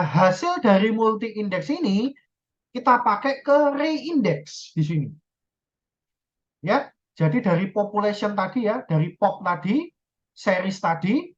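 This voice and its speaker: A woman teaches a university class from a recording, walking through each step and pausing often to check that students follow. Her voice sits at an ordinary pitch. The audio is dull and lo-fi. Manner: explains step by step, often checks "ya" and self-corrects. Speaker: lecturer.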